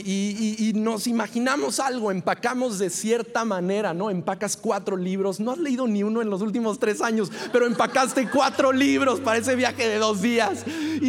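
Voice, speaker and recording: A man delivers a Sunday sermon, his voice sitting high for a man. He tells stories animatedly and laughs along the way. The sound rings with the long echo of a church hall. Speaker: pastor. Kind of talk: sermon with a personal story. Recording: reverberant hall.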